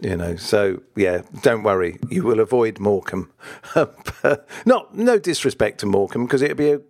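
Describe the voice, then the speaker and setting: A man's voice: on the low side, lively intonation, moderate pace, gravelly, a little mellow. A man hosting a football podcast in a casual, conversational style.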